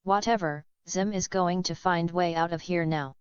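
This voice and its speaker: A woman's voice: lowish voice, steady tone, moderate pace, smooth, no echo, close to an everyday voice. A woman voicing a bossy little male alien invader who speaks of himself by name, indignant in tone, on a dull lo-fi recording.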